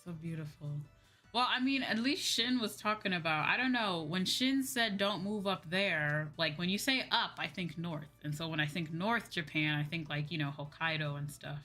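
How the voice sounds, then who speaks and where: Here a VTuber livestreamer speaks in a lowish, sharp voice at a moderate pace, with an American accent from the Midwest. Music plays as she chats casually, responding to viewers' comments and repeating phrases for emphasis.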